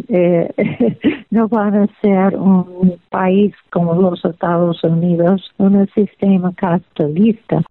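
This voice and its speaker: A woman from the United States speaking as an interview guest in non-native Spanish with an American accent, halting and searching for words. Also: medium pitch, no echo. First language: English. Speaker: interview guest, former diplomat. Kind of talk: radio interview, opinion and anecdote. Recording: phone-like narrow band radio sound.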